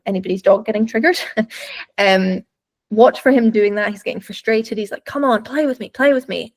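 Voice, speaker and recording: A woman's voice: mid-range voice, creaky. A woman dog trainer giving webinar commentary over videos, explaining thoughtfully and searching for words as she goes.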